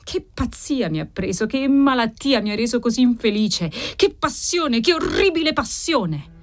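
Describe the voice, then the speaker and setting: A woman's voice: mid-range voice, big pitch swings, moderate pace. A woman reading aloud, voicing a tearful, remorseful husband who pleads and blames himself, with anguished, strained delivery. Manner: pleading, anguished, self-accusing. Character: desperate, remorseful husband gambler, tearful, middle-aged man.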